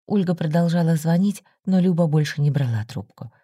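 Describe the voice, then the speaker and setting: Low, mellow woman narrator. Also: fairly quick, slightly rough, no room sound, studio quality. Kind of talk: audiobook story reading.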